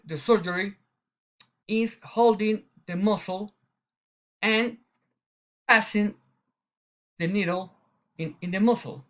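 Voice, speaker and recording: Slow, halting woman with Latin American accent. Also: mid-range voice, a bit bright, highs cut off. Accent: Latin American Spanish. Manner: halting, careful delivery with frequent restarts. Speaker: eye surgeon presenting a new instrument. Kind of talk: slide presentation.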